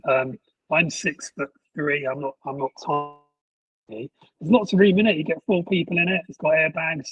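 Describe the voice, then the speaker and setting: A man's voice: fairly high pitch, steady tone, moderate pace, husky, no room sound. A man chatting casually on a podcast, stumbling and restarting as he goes. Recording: muffled, distant from the mic.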